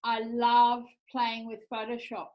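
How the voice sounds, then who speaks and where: A woman's voice: fairly high pitch, completely flat delivery, takes it slowly, lo-fi sound. A woman hosting a chat show, talking about her art in a chatty, enthusiastic way. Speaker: show host, artist. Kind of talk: casual chat.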